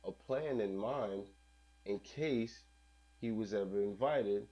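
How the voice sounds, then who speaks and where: Earnest co-host, man, lowish voice, muffled low-fidelity recording. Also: slow pace. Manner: earnest, explaining, restarts a lot. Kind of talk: casual chat. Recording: dull lo-fi sound.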